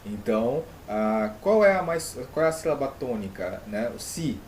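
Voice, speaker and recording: A man's voice: medium pitch, very animated, moderate pace, a little mellow, slight background noise. A man with a Brazilian Portuguese accent, teaching an online grammar lesson and putting rhetorical questions to his pupils.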